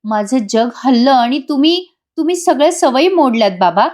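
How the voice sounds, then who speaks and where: A woman's voice: sits high, animated, normal speed, darkish tone. A woman voicing a hurt, stubborn young wife with firm, clipped refusals. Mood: evasive.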